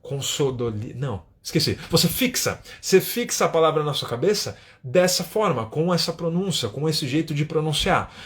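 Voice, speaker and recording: This Brazilian man with a São Paulo Portuguese accent teaches English on a live stream, his voice on the higher side, expressive and moderately paced with barely a pause. He chats away casually, constantly tacking little tag questions onto his sentences to check for agreement.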